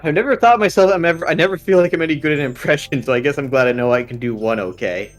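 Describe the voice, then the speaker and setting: A young stream co-host with a nasal, fairly high voice talks fast and casually on a live stream, rambling with lots of ums and restarts. Soft music plays in the background.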